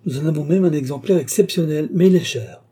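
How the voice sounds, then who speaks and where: A man's voice: a little high, quick pace, warm tone, slightly rough, pitched above the performer's own voice. A man doing a fawning, eager old-time bookseller. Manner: pushy, effusive salesman patter.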